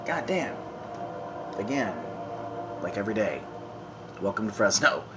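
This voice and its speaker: A man in his thirties talking casually to a phone camera outdoors, smoking, with many pauses and restarts. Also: lowish voice, lively intonation, highs cut off. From San Francisco, California. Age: 30s. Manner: halting, many ums and restarts, conversational. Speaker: vlogger. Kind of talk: casual rambling monologue. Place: outdoors in town, evening. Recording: phone video with clear background noise.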